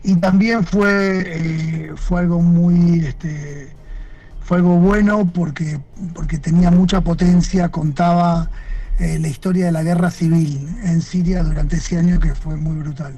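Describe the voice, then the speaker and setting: Interview guest, male, fairly high yet mellow voice, halting and reflective, heard over a video call. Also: fairly even intonation. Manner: thoughtful, hesitant, many fillers and restarts. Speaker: guest photojournalist. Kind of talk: remote interview answers.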